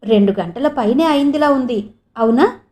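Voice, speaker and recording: A woman's voice: high voice, moderate pace, mellow, close to an everyday voice. A woman voicing a frail, frightened young woman. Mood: relieved. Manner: weak, pleading, anxious questions.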